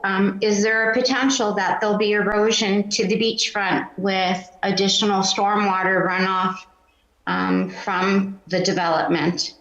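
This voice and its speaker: Slow, squeaky-voiced woman at a council mic. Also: a bit bright. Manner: hesitant, many ums, not a practiced speaker. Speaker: resident speaking at public meeting. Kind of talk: public comment at council meeting. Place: council chamber. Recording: roomy, dull meeting-room recording.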